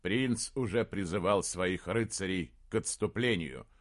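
A man narrating a fantasy audiobook in a steady, even reading voice. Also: sits low, measured pace. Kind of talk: scripted narration.

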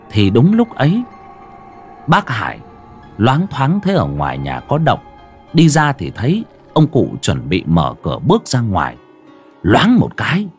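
A man narrating a horror story with dramatic, suspenseful pacing and sharp rises and drops. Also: medium pitch.

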